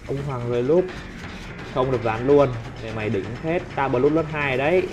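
A man commentating his own gameplay, excitable and talking back at the other players. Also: mid-range voice, normal speed. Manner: excitable, talks and swears at on-screen opponents. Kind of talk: let's play commentary. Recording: game music playing under the voice. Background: game music and sound effects.

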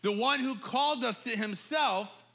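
A man in his thirties, a pastor preaching a sermon on a church stage into a handheld mic, animated and conversational. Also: extremely high pitch, unhurried, soft background music. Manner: animated, gesturing while preaching; conversational, repeats words when restarting. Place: church stage with big screen.

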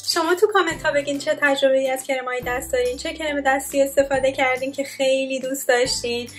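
High-voiced woman explaining skincare. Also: steady tone, faint music behind. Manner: explanatory, informal, with frequent filler sounds. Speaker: skincare content creator. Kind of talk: casual product review.

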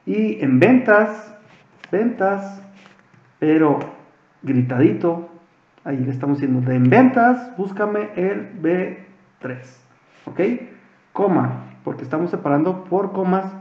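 High-voiced Mexican teacher explaining patiently. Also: male voice, roomy sound, highs cut off. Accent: Mexican Spanish. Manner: patient, explanatory, asks rhetorical questions. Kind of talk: screen-recorded spreadsheet tutorial.

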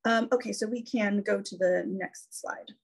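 A woman's voice: mid-range voice, fairly even intonation, normal speed, creaky, breathy edge. A woman giving an informal, educational slide presentation over a video call. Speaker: cheese educator presenting a webinar. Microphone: video call microphone.

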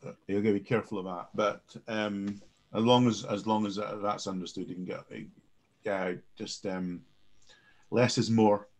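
A man on an online panel talking casually, halting and repeating words as he restarts. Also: fairly low pitch, steady tone. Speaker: panel speaker on game mastering.

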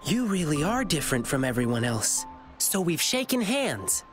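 Over background music, a male actor voices a cheerful, eager young lion-eared boy who performs in a lion dance troupe in a video game, friendly and bubbly. His voice is on the high side and very animated, at normal speed.

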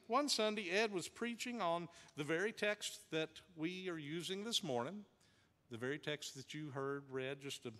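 A male pastor telling a story in a sermon, dramatic, with hushed drops and shifting pace. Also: fairly high pitch, big-room sound. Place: church sanctuary.

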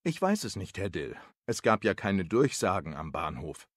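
Low-voiced man reading a scripted scene. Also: big pitch swings, moderate pace, no room sound, studio quality. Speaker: office worker in a dialogue. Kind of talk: scripted dialogue for a language lesson.

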